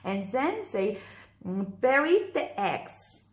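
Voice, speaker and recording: A woman's voice: medium pitch, very animated, slow. A woman reading a storybook aloud to young children, talking to them directly in an exaggerated sing-song way. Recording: echoey room.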